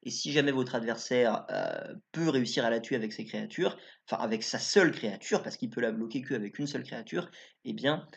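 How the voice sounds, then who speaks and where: A man's voice: mid-range voice, brisk, creaky. A man giving casual card review commentary as a YouTuber, chatty and informal, thinking aloud as he goes. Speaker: YouTuber reviewing game cards. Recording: slightly dull lo-fi recording.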